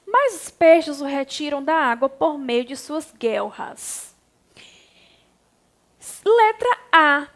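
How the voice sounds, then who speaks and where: A woman's voice: sits high, fairly bright tone. A Brazilian woman teaching a class to young children, speaking patiently and affectionately and guiding them step by step. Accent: Brazilian Portuguese. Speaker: primary school teacher.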